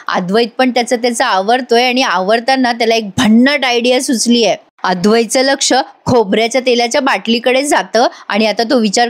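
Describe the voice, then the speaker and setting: High-voiced chatty woman recapping an episode. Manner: chatty, addresses viewers, laughs often. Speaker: TV serial episode reviewer.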